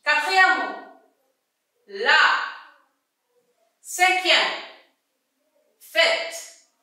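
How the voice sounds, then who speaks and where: Slow, echoey woman teaching small children. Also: sits high, expressive, bright, forceful tone, far from the mic. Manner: slow, repeats words and syllables, praises often. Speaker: primary school teacher. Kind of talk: slow classroom lesson for young children. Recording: echoey room, voice away from mic.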